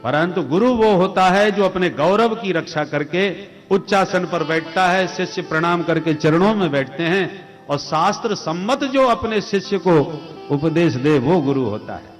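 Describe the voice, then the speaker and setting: A man's voice: high-pitched, measured pace. A man preaching a devotional story sermon, telling it dramatically and calling out to the audience. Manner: dramatic, animated storytelling with call and response. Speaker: katha preacher. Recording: echoey hall with music.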